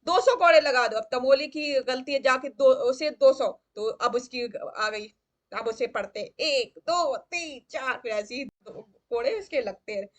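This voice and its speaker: A woman's voice: high-pitched, measured pace. A woman teacher retelling a play for exam students, acting out the scenes and explaining words. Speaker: Hindi literature teacher.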